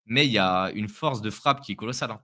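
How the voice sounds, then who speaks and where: A man's voice: on the low side, quick pace, bright, forceful tone. A man co-hosting a live crypto stream, giving his opinions in casual chat with frequent restarts and repeated words.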